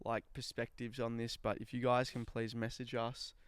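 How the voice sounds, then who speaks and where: A man's voice: medium pitch, flat delivery, normal speed, smooth. A young man co-hosting a podcast, swapping casual stories in slangy, sweary, blokey banter. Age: young adult. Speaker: podcast co-host.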